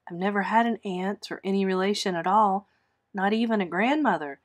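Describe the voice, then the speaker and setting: A woman's voice: mid-range voice, a little fast, close to an everyday voice. A woman voicing an earnest, imaginative orphan girl in an audiobook, with gushing, dramatic, wordy delivery. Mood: wistful. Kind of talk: audiobook character voice.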